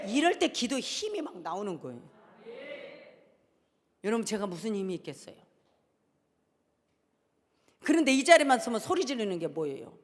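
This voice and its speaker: A woman pastor preaching an impassioned sermon, often shouting and prodding her congregation for responses. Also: medium pitch, sing-song, moderate pace, pauses often. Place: large church sanctuary. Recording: echoey hall reverb.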